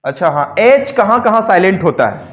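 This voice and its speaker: A man's voice: high voice, sing-song, normal speed, fairly bright tone. A man teaching English grammar to a class, repeating his questions back to the students and calling them "babu". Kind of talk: classroom lesson.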